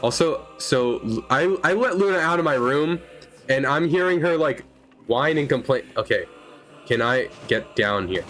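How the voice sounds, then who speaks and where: A man's voice: mid-range voice, expressive, moderate pace, a bit bright. A young man chatting casually while streaming a game, rambling and correcting himself as he talks. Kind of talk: casual gaming stream chat. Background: faint game music.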